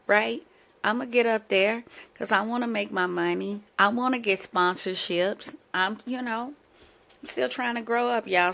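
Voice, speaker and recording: A woman's voice: lowish voice, creaky, fairly bright tone. Chatty woman podcast host with a sore throat. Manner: chatty and playful, talks straight to listeners. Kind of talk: casual chat.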